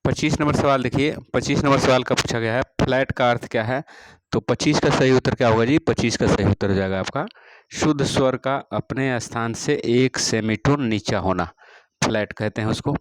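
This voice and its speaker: Man calmly walking through exam answers. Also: mid-range voice, a little fast, slight background noise, poor audio. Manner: repeats each question, fills with "theek hai ji". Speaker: music teacher. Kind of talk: exam practice lesson.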